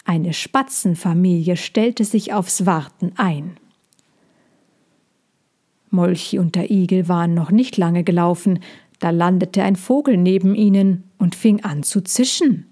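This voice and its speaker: Slow, measured woman reading a story. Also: on the low side, mellow. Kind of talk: scripted narration of a children's story.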